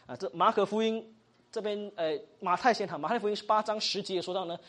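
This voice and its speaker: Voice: medium pitch, brisk, fairly bright tone. A teacher giving a Bible study lesson, mixing in English words, often asking the class questions and tagging sentences with little particles. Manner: acts out example dialogues.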